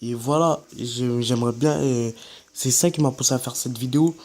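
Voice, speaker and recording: A man's voice: mid-range voice, normal speed, a little mellow. A teenage boy giving a casual, slangy vlog rant, talking straight to his viewers. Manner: chatty, slangy, addresses viewers directly. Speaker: anime YouTuber.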